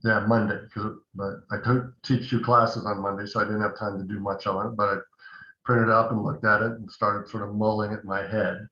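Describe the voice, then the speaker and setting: Over an echoey, dull phone line, an older actor and acting coach rambles through anecdotes in a casual interview, full of asides. His voice sits low with little pitch movement and sounds pushed and bright, his pace a little fast.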